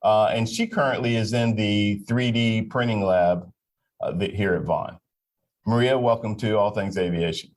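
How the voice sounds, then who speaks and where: Friendly low-voiced male talk host. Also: fairly even intonation, moderate pace. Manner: friendly, jokey, stumbling over names. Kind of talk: live interview show.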